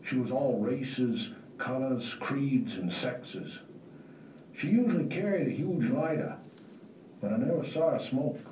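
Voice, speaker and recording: Actor as weary noir gumshoe narrator, slow wry drawl, roomy distant lo-fi sound with faint music. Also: male voice, mid-range voice, slight background noise, natural voice. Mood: world-weary. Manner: drawling, slow, wry tough-guy delivery. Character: world-weary hardboiled male detective narrator. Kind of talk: film-noir voice-over narration.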